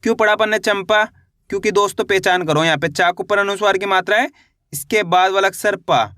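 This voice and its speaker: High, bright-voiced reading teacher man. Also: steady tone, dry recording, studio quality. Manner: repetitive call-and-response drilling, drawn-out model words. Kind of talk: classroom-style video lesson.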